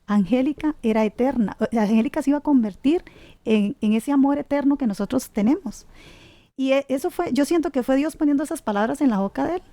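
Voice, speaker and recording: Woman, middle-aged, mellow dark tone, personal testimony, devout. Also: high voice, brisk, no echo. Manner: earnest, devout, with many restarts and tag questions. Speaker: guest sharing a grief story.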